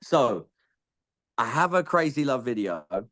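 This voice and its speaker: A man's voice: mid-range voice, very animated, a little slow, fairly bright tone. A young man from Greece raised in England, chatting animatedly as an interviewed musician, laughing often and restarting his sentences. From born in Greece, raised in England. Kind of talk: casual interview chat.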